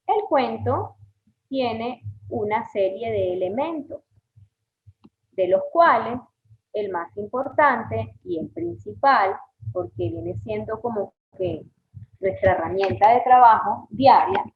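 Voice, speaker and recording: A woman teaching storytelling in an online class, speaking slowly and clearly and checking in often with her students. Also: a little high. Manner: slow, clear, encouraging, checks in with "ok?". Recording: tinny phone-like video call audio.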